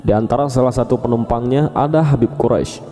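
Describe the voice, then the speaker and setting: A man narrating a religious story in a calm, steady storytelling manner. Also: mid-range voice, fast. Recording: long reverb over faint background music. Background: faint music.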